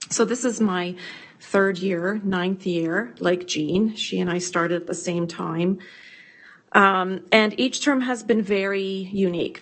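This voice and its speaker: A middle-aged woman who serves as a school board trustee introduces herself at a board meeting, measured and reflective, with some hesitations. Her voice is lowish and a bit bright.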